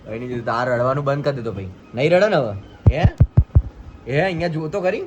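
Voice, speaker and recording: A young man talks straight to his viewers in a casual, playful vlog, teasing as he goes. His voice sits at an ordinary middle pitch, and steady background noise runs under it. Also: fast talker. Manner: teasing, playful Gujarati banter. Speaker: vlogger.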